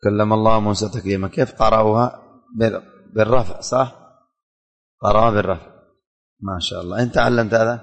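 A man's voice: lowish voice, steady tone, quick pace, long pauses. A man teaching a religion class in a classroom, quizzing students by name and repeating his questions. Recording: hall reverb.

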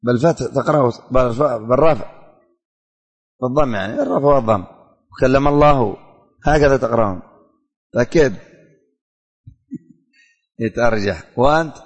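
A man's voice: medium pitch, a little fast, pauses often, slightly rough, muffled recording. Man teaching in a reverberant hall. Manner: quizzes students by name, repeats questions. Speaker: religion teacher. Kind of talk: classroom lesson with questioning. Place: classroom.

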